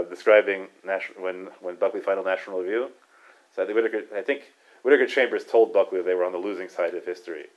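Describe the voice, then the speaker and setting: A Torah teacher with a fairly low voice leads an informal class on Talmud study, captured in a muffled recording. He talks conversationally, frequently asking "right?", restarting fast, and chuckling.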